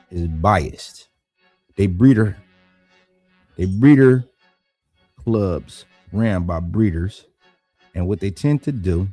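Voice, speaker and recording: A man's voice: a little mellow, no room sound. Blunt, combative man ranting about dogs. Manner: blunt, combative, repeats rhetorical questions; voice rises high when worked up. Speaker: dog breeder and channel host. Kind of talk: heated casual monologue.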